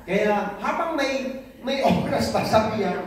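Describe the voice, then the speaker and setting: A woman's voice: fairly high pitch, lively intonation, unhurried. A woman giving a conversational sermon in church, often asking the congregation whether they agree. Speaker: preacher. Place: church hall. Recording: very echoey room, mic far off.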